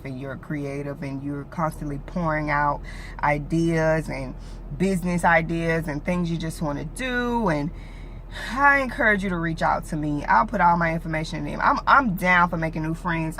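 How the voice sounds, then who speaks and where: Three weeks postpartum, a woman in her late twenties rambles through a casual vlog, leaning heavily on "like" and "you know." She has a low voice with a fairly bright tone, over a slight hiss or hum.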